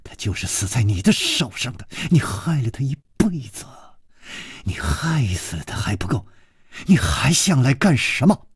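A man's voice: medium pitch, sing-song, normal speed, slightly rough, no room sound, studio quality, heavily acted. A man voicing a fierce middle-aged martial-arts woman who threatens in a cold, hard voice. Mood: furious.

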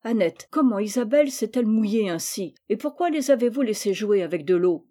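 A woman reading aloud and voicing a stern, upright nobleman father in a storybook, speaking firmly and in a measured way. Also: medium pitch, lively intonation, mellow, natural voice.

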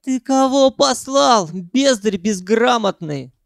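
A man doing a shrill, pompous pop singer. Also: gravelly, clear, resonant tone, no room sound, studio quality, full character voice. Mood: indignant. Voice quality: high, whiny and shrill. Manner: haughty, quick to shout and threaten. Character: pompous, squeaky male pop singer, self-important and touchy.

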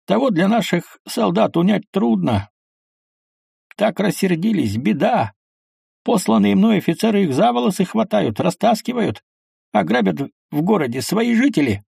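A man voicing a sly, soft-spoken prince who talks in a soft, ingratiating manner. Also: high voice, animated, moderate pace, gravelly, husky, no echo, clean studio sound, pitched above the performer's own voice, full character voice. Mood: soft placating.

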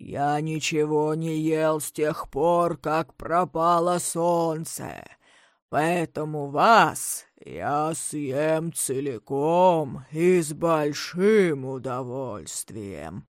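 Woman doing a slow growling storybook bear. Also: no echo, clean studio sound. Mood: gruff. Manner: slow, low growling delivery. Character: hungry grumbling male bear, big and gruff.

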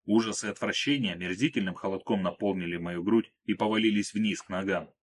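A man reads a first-person audiobook in a calm, measured way. His voice sits low and sounds husky. The telling stays even and unhurried. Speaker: audiobook narrator.

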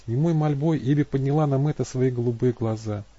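Mellow husky male audiobook narrator. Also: medium pitch, a little fast, dry recording, lo-fi sound. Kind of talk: scripted narration.

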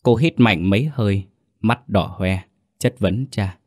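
A man tells a scripted ghost story in a steady, earnest first-person voice. His pitch sits low and the close mic leaves it dry, with no room around it. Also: measured pace, no room sound.

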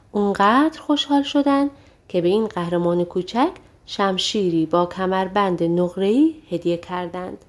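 A woman narrates a fairy tale for an audiobook in an expressive, storytelling manner. She moves easily between everyday and bookish wording. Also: mid-range voice. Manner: expressive, mixing colloquial and literary speech.

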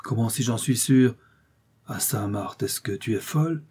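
A man's voice: medium pitch, a little slow, darkish tone, breathy edge. A man voicing a grieving, bitter older male farmer in an audiobook reading. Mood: sorrowful.

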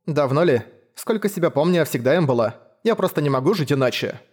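A man's voice: on the high side, lively intonation, fast talker, a little mellow. A man voicing a young woman hunter who is bold and pleading, with a lilting, coaxing manner. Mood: teasing.

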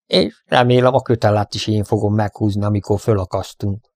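A man's voice: on the low side, fairly even intonation, a little mellow, no room sound, studio quality, natural voice. A man voicing a smug, cruel male bandit who mocks and gloats. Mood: gloating. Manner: mocking, gloating.

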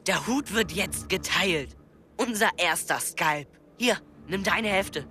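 Radio play: actress as cocky boy ringleader, bright edgy voice, mocking and bossy. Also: on the low side, slow, a little hiss or hum. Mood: cold. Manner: taunting, bossy.

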